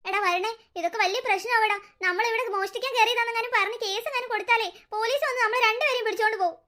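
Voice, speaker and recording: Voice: very high-pitched, racing, pushed and bright. A performer voicing a nervous but sensible young male friend who coaxes and makes dry, sarcastic remarks. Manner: coaxing, worried, dryly sarcastic.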